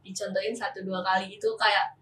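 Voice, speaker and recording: A woman's voice: medium pitch, level tone, fairly quick, fairly bright tone. A woman co-hosting casually, answering with short agreeing replies and questions for the coach. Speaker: co-host asking the coach. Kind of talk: casual chat. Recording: echoey room from far off.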